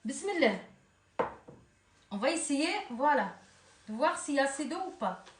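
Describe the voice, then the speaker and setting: Speaking at a normal pace in a high, animated voice, a Tunisian-accented woman runs a casual cooking lesson from her home kitchen. She's chatty and warm, addressing viewers as girls and children the way she would her own kids. The kitchen echoes, and there's a little background noise.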